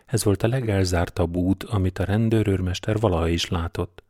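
A man narrating an audiobook in a measured, deadpan storytelling manner. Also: low-pitched, no echo, studio quality. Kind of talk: scripted narration.

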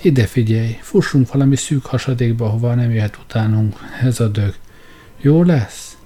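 A man's voice: medium pitch, mellow, lightly acted. A man voicing a frightened male engineer who pants and pleads as he is chased. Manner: pleading, panting.

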